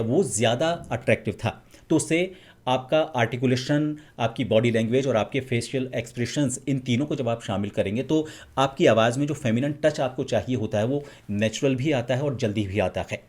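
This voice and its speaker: A man, explaining voice techniques as a coach in a calm, measured teaching manner. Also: mid-range voice. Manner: calm, measured teaching, demonstrating vowels and humming. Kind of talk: instructional explanation.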